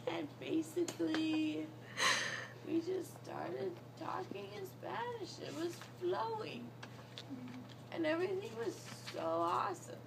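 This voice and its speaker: A young woman groggy from anesthesia, rambling boastfully and casually in drawn-out words from a hospital bed. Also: very high voice, gravelly. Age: young adult. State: groggy from anesthesia after surgery. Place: small hospital recovery room, lying in bed. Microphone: handheld phone a short way off. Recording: noisy handheld phone recording.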